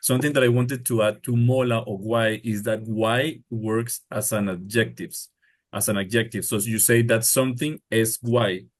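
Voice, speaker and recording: A man from Spain co-teaches a live online Spanish lesson with a low voice. He talks quickly and chattily. He switches back and forth between English and Spanish. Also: fairly even intonation.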